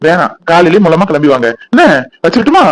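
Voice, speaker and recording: A man's voice: high-pitched, wildly swooping pitch, fast, rough recording. A man voicing a cheerful new father sharing the news with his family in a cartoon. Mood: beaming. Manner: beaming, cheerful. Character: proud new father, warm older brother.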